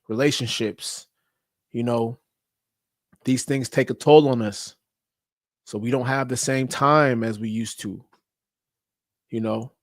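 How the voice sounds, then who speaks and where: A man's voice: mid-range voice, no room sound, clean studio sound. A man hosting a podcast, giving a blunt motivational talk about fitness and habits, with casual profanity and slang. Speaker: podcast host. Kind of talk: motivational monologue.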